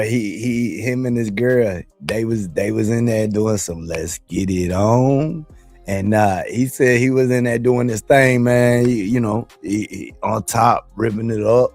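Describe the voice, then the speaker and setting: A man's voice: lowish voice, darkish tone, no room sound. A laid-back man in a casual chat, telling a story and saying "bro" a lot. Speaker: guest.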